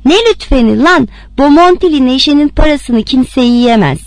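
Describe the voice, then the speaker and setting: A woman's voice: sits high, animated, normal speed, dry recording, voice pushed up. A woman voicing a brash, streetwise woman who threatens and swears coarsely in a read-aloud story. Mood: threatening. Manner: rough, threatening, crude.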